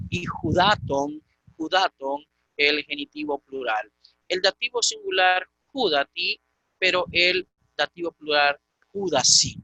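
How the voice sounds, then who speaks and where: A man teaching a Greek grammar lecture, patiently repeating and slowly spelling out word forms. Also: high voice, vocal fry, bright, forceful tone, dry recording, muffled recording.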